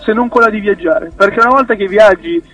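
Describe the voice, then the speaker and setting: High-voiced man talking from a distance. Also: quick pace, over music. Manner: hesitant, restarts often, laughs easily. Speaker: musician guest. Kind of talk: casual radio interview.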